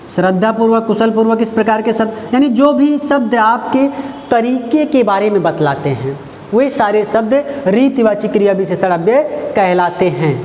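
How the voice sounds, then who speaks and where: High-voiced male Hindi teacher, echoey room. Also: a little mellow, slight background noise. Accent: Hindi, Uttar Pradesh. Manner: repeats example phrases slowly, asks rhetorical questions, says "ठीक" often. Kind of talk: online classroom lesson. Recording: echoey, dull lo-fi room recording.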